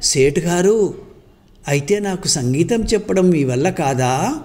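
A humble young laborer asks with eager hope, his voice raised high above the storyteller's own, as a man reading the tale puts him on. He is respectful and pleading, in a slow, steady storybook telling. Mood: earnest pleading.

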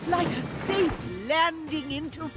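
A woman voicing Nana, a cheerful and resourceful grandmother in an animated children's series, who talks in a reassuring, breezy way. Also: sits high, slow, loud music behind the voice. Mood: calm cheerful. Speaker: grandmother character.

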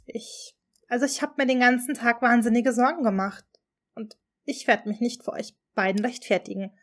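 Woman doing a calm steady young woman, firm, audiobook reading. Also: a little high, normal speed, natural voice. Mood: earnest.

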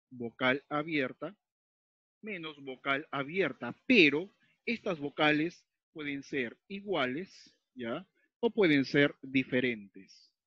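A man from Peru walks a class through a grammar lesson, repeating each rule and pausing to check that everyone is following. His voice sits a little high for a man. The recording is dull and dry, with no room echo. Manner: explains step by step, repeats key points, checks in with frequent "¿ya?". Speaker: teacher. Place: at a whiteboard or tablet, writing as he talks.

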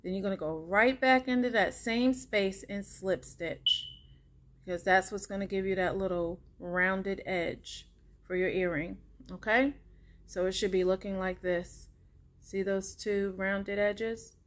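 Slow-paced woman teaching crochet step by step. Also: medium pitch, fairly even intonation. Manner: unhurried, counting out steps. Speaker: crochet tutorial host. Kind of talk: casual step-by-step craft instruction.

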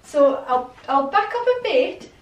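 A middle-aged woman vlogs from a small bedroom, her casual talk echoing around the room, in the style of a clothing haul video. She rambles a bit and poses questions to herself, her high voice very animated yet unhurried.

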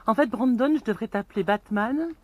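A woman's voice: on the high side, a little fast. A woman narrating her own vlog in a casual, chatty way, laughing often as she films inside a camper van on a handheld camera. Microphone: handheld action camera.

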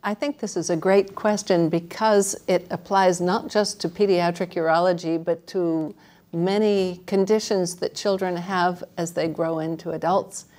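An older woman, a paediatric urologist, giving a measured answer at a panel discussion in a wood-panelled meeting room. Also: lowish voice, steady tone, a little mellow.

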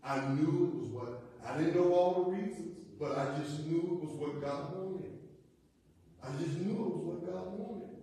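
A man preaching a Bible study sermon as pastor, emotional, swinging from loud emphasis to quiet. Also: a little high. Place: church hall. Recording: echoey hall, distant mic.

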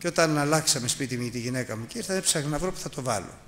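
A man's voice: a little high, expressive, fairly bright tone, slight background noise. A middle-aged man preaching a Bible lesson to his congregation. He tells a personal story, then urges his listeners directly. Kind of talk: Bible teaching sermon.

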